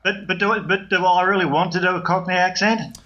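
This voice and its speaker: A man's voice: high-pitched, steady tone, fairly quick, bright, forceful tone. A man with an Australian accent calling in to a radio show, blunt and joking. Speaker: caller. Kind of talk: phone-in call. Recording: dull phone-in line with hiss.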